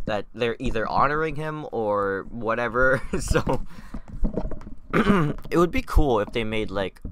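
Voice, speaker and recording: A young man hosting a casual trailer reaction, excitable, swearing and laughing between thoughts. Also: on the low side, slight background noise. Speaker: reaction video host.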